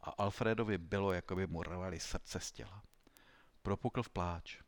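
A man narrating an audiobook story in a wry, even storytelling manner. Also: low-pitched, gravelly, no echo. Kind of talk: audiobook reading.

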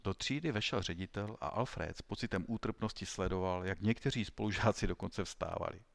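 A man narrating an audiobook story in a wry, even storytelling manner. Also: deep voice, vocal fry, no room sound. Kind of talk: audiobook reading.

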